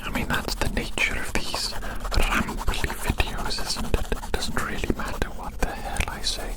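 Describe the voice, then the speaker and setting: Someone whispering an ASMR ramble in a breathy, unvoiced voice, playfully wandering and repeating phrases. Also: moderate pace. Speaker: ASMR creator.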